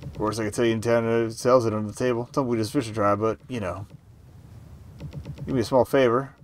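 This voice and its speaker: A man's voice: medium pitch, steady tone, fairly quick, a little hiss or hum, natural voice. A man voicing a grizzled, wheedling town drunk in a Western game, with folksy, rambling talk.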